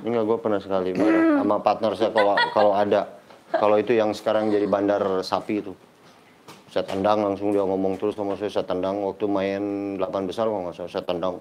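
A man's voice: fairly low pitch, fast, noisy background. A middle-aged man, a badminton coach telling stories to teach his players and acting out the dialogue as he goes. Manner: lively storyteller acting out quoted dialogue. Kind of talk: casual coaching talk with anecdotes.

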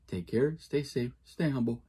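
A young adult man giving casual reaction commentary as a video host, with a husky voice and halting, repetitive phrasing. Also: mid-range voice, expressive, warm tone. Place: small indoor room at home.

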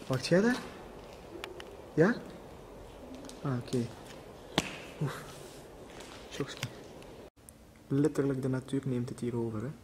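A man with a Flemish accent narrating an exploration vlog through an abandoned factory, talking in a hushed voice that often drops to a whisper. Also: medium pitch, lively intonation, slow pace, pauses often. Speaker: urban explorer vlogger. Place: abandoned factory, large empty halls indoors. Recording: noisy handheld camera audio.

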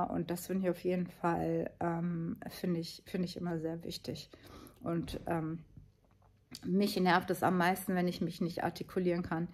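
A woman's voice: fairly low pitch, a little mellow. A woman in her fifties talking casually and earnestly in a travel vlog, with many fillers and restarts. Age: 50s. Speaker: vlogger.

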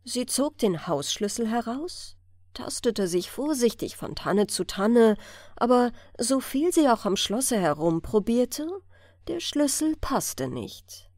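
A woman reading a fairy tale aloud as a bedtime story, soothing and expressive, close to the microphone. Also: fairly high pitch, no room sound. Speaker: audiobook reader.

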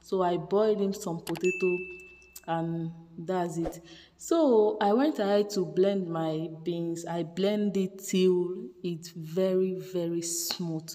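A woman's voice: lowish voice, steady tone, slow pace, mellow, long reverb tail. A woman chatting through a home cooking vlog voice-over, repeating words for emphasis. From Nigeria. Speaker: cooking vlogger. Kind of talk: casual voice-over narration.

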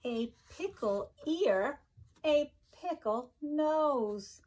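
A middle-aged teacher reads a picture book aloud to young children in a kitchen-like room at home. Her voice is high and darkish, animated yet slow and deliberate, with a sing-song lilt and chatty asides woven into the expressive reading.

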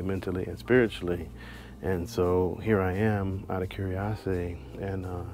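Clear background music plays under this casual vlog commentary from a travel vlogger in his forties, captured on a handheld or chest-mounted action camera. Wandering through a large library, he thinks aloud and uses fillers. His voice sits low with a dark tone.

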